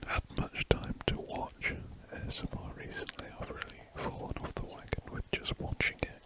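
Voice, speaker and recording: Whispering softly and unvoiced right up against the mic, an ASMR host chats at a moderate pace while drawing. They ramble and keep correcting themselves.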